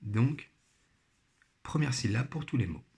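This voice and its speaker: A man's voice: mid-range voice, animated, unhurried, vocal fry, darkish tone. A man teaching a primary phonics lesson, speaking patiently and spelling out each sound and syllable carefully. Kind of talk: recorded remote phonics lesson.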